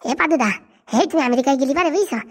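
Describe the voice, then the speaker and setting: One woman voices a whole squabbling household of boisterous rural cartoon characters, who trade rustic banter, teasing and scolding each other. The voices sit high and race along at a breakneck, very fast clip, like a comic cartoon sketch.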